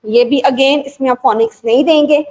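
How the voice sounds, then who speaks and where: A woman's voice: sits high, normal speed, darkish tone, rough recording. A woman who runs a school, giving a patient instructional talk to teachers and spelling out examples. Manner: patient, repeats and spells out examples, code-switches into English. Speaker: teacher trainer and school owner.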